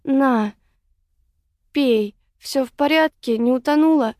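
A woman's voice: high-pitched, slow pace, a little mellow, dry recording, clean studio sound, voice pushed up. A woman voicing a village woman who earnestly consoles her friend.

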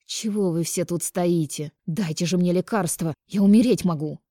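A woman voicing a hysterical, scheming young woman in an audiobook, with a shrill, frantic, pleading manner. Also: normal speed, warm tone, no echo, studio quality, close to an everyday voice. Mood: demanding. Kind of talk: audiobook character reading.

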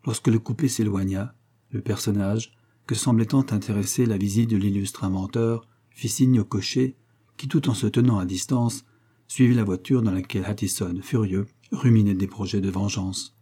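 A man narrating an adventure novel in a measured, even reading. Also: on the low side, breathy edge. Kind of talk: audiobook narration.

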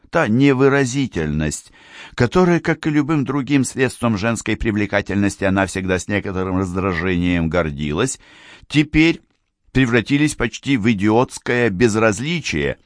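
Deep-voiced male audiobook narrator. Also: no room sound, studio quality. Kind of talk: scripted narration of a novel.

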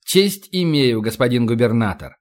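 A man's voice: mid-range voice, expressive, normal speed, lightly acted. A man doing a cold, curt navy captain. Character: stern male navy captain.

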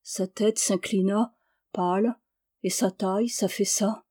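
A woman reading a historical adventure novel aloud as an audiobook, in a steady, measured storytelling manner. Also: medium pitch, slightly rough. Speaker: audiobook reader.

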